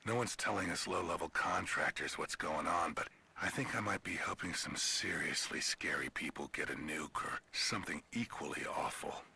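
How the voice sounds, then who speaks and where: An actor playing a nervous contractor who secretly sells gear, talking in a hushed, furtive way in a video game. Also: male voice, low-pitched, normal speed, creaky, a little hiss or hum, full character voice. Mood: uneasy. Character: nervous male contractor selling gear on the sly.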